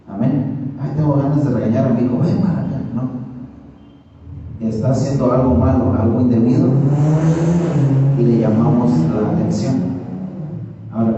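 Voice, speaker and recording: A man preaching a sermon lesson, filling pauses with "amén" and "gloria al Señor", halting and repeating words. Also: mid-range voice, warm tone, slight background noise. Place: church hall. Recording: echoey hall, distant dull mic.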